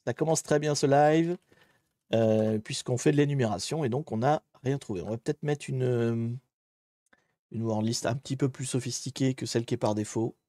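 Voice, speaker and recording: A man hosting a live stream in casual, chatty commentary. He thinks aloud, mocks himself in a relaxed way, and greets viewers in the chat. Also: mid-range voice, a little fast, no echo. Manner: laid-back and self-mocking. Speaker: livestream host.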